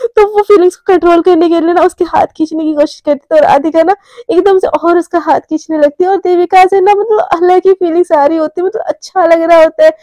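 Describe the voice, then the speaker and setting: A woman's voice: very high-pitched, steady tone, brisk, mellow, no room sound. A woman narrating a romance story in a chatty, rambling way full of fillers.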